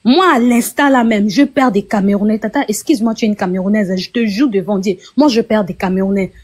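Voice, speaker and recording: A woman's voice: mid-range voice, fast talker, darkish tone. A woman from Kinshasa speaking as a guest on a live-stream debate, emotional and insistent, with a voice that trembles. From DR Congo, Kinshasa. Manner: shaky, emotional, apologetic, insistent.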